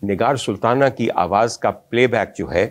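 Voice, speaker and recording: Speaking at normal speed in a lowish voice, this film music historian from Pakistan recounts the story of old film songs. His manner is ornate and nostalgic, and he talks straight to his listeners.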